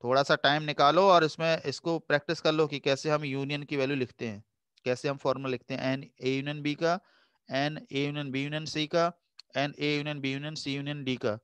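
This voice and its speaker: Male teacher, patient and coaxing, slightly high smooth voice, dry close sound. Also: flat delivery, a bit bright, dry recording. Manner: patient, coaxing, calls students "beta"; slows down to read formulas aloud in English. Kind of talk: math revision lecture.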